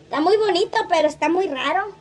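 A woman's voice: extremely high pitch, a little fast. A woman hosting a casual livestream, chatting, laughing often and reading viewers' comments aloud. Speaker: livestream host.

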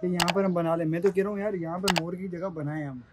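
A man's voice: sits high, steady tone, fast, heavy background noise. A man co-hosting a pet vlog, chatting casually and agreeing along with his friend. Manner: agreeable, echoes the host. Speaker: co-host friend.

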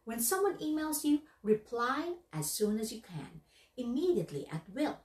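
A woman giving instructional narration on workplace skills in a lively, emphatic, instructive way. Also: a little high, normal speed. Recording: echoey room, voice from far off.

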